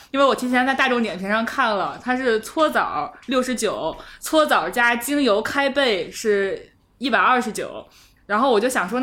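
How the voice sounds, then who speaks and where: Woman podcast co-host, somewhat high voice, chatty storyteller. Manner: animated anecdote telling with laughter. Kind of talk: casual chat, storytelling.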